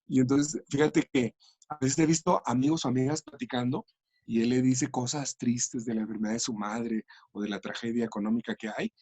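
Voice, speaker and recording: A man's voice: medium pitch, steady tone, brisk, a little mellow, husky, no room sound. A man explaining language and communication in an interview, thoughtful and full of small restarts. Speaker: education and language researcher.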